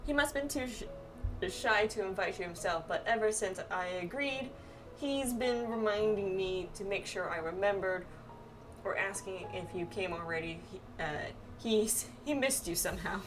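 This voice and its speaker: Her voice is medium-pitched and paced normally as she plays a video game, offering reactive, casual commentary and voicing the dialogue. She's picked up by a far-off mic beneath clear background music.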